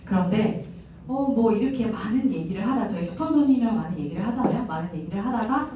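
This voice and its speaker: Woman, thirties, chatty seminar speaker quizzing the crowd; animated delivery, faint room noise behind. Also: on the high side, fast. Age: 30s. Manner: chatty, poses questions to the audience. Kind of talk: motivational seminar talk. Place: large hall. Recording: echoey hall from far off.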